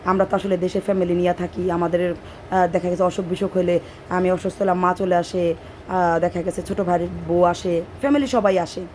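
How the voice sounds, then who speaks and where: A hoarse woman from Bangladesh with a Bangladeshi Bengali accent, chatting and wandering into stories as she narrates her cooking in a home kitchen at night. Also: lowish voice, fairly even intonation, fairly quick, a little mellow, a little hiss or hum. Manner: chatty, digressive storytelling while cooking. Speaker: cooking vlogger.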